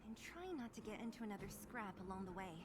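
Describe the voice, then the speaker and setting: A woman voicing a brisk young woman leading a rescue in a video game, firm and dry. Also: mid-range voice, steady tone, background noise, natural voice. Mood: urgent. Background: game music.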